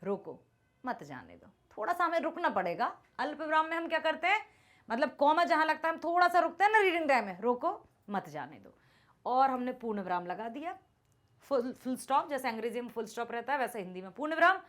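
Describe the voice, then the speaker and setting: A woman's voice: high-pitched, lively intonation, quick pace, fairly bright tone. A woman teaching a grammar lesson, explaining patiently and often checking that students follow.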